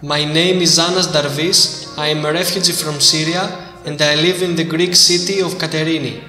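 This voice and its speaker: A man reading a documentary voice-over translation in an even, scripted way. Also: a little high, normal speed, echoey room, long reverb tail, faint music behind.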